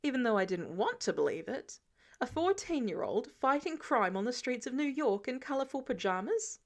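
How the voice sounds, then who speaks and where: A woman with a fairly high, sing-song voice at normal speed performs a sardonic older male inventor in an audiobook story. Explaining things wryly, he teases his young companion in a dry, exasperated manner.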